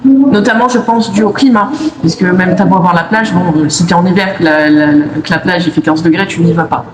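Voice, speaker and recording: A woman's voice: fairly low pitch, fairly quick, a crowd in the background. A young woman from France, a student guest in a casual interview, explaining her views in a reflective, thorough way. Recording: echoey room, faint noise.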